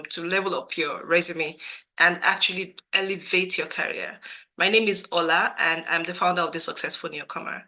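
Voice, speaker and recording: Speaking through a computer mic on a video call, a woman from Nigeria runs a live career webinar as host and coach. Her voice is lowish, pushed, and bright, slightly cracked from a cold, and she's earnest, repeating points for emphasis.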